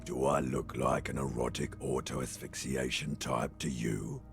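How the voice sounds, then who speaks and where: Gravelly, extremely deep talking corpse. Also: male voice, little pitch movement, faint music behind, heavily acted. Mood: sardonic. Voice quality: very gravelly, guttural rasp, often breathy. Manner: slow, drawn-out, taunting delivery. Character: dead man's corpse talking in detective's head, sardonic, weary. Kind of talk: video game voice acting.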